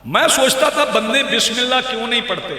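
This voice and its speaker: A man's voice: very high voice, big pitch swings, a little fast, sharp tone. A man with a Pakistani Urdu accent delivering a sermon at a religious gathering, speaking to listeners by name and building to emphatic recitation. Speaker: Shia cleric giving a majlis. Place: large outdoor gathering with PA. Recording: echoey, reverberant public address sound.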